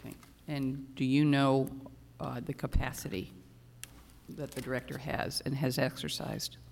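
A man's voice: mid-range voice, level tone, normal speed, creaky. A man speaking as a presiding judge in formal courtroom proceedings. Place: large courtroom. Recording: reverberant hall, faint noise.

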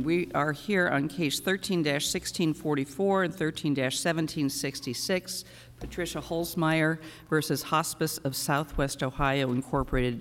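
A man speaking as a presiding judge in formal courtroom proceedings. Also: fairly high pitch. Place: large courtroom. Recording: reverberant hall, faint noise.

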